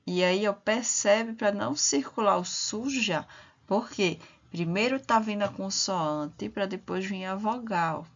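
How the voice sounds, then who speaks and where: A woman teacher, giving a primary school reading lesson and slowly sounding out syllables one by one. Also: medium pitch, highs cut off. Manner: slow and deliberate, sounding out syllables.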